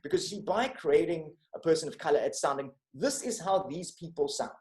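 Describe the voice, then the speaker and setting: A man's voice: fairly high pitch, animated, fairly quick, a little mellow. A South African man, a guest comedian, talking through his arguments on a video-call podcast with frequent restarts. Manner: analytical, building arguments with restarts. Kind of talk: podcast conversation. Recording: roomy video-call audio.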